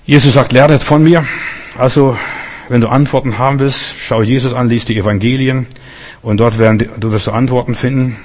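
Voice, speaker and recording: A man's voice: medium pitch, fairly quick. Earnest preacher man in a reverberant hall. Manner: earnest, lively preaching with sudden loud emphases and soft drops; stammers and restarts when excited. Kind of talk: sermon.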